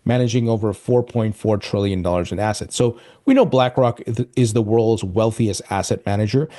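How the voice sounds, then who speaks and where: A man's voice: mid-range voice, dark tone. A man hosting a crypto news show, talking casually and upbeat to his viewers and often calling them "guys". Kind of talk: casual commentary to camera.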